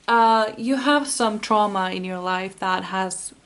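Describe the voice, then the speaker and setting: A Finnish woman gives a pick-a-card tarot reading in English, her second language, speaking with a Finnish accent. Her medium-pitched voice is soft and earnest, and she goes slowly, searching for words and often stopping to rephrase.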